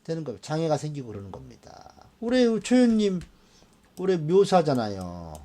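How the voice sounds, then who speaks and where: A man teaching a class of students, animated and often checking that they follow along. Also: on the high side, normal speed. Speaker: fortune-telling teacher. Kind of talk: classroom lecture.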